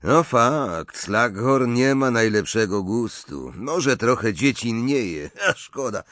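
A man's voice: mid-range voice, animated, takes it slowly, a bit bright, no echo, voice pushed up. A man voicing an arrogant, spoiled teenage boy in an audiobook, speaking with a scornful drawl.

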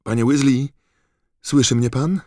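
A man voicing a polite young teenage boy in an audiobook, explaining things quickly and earnestly. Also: fairly low pitch, fairly even intonation, a little mellow, no room sound, clean studio sound, pitched above the performer's own voice. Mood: calling out. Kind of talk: audiobook character voice.

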